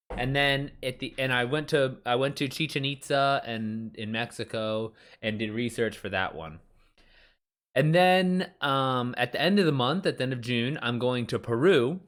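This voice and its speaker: A man's voice: medium pitch, fairly bright tone. A man in his thirties, an author, chatting casually on a live stream, rambling with lots of fillers and restarts, answering his chat. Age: 30s. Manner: talks back to chat readers. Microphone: streaming mic.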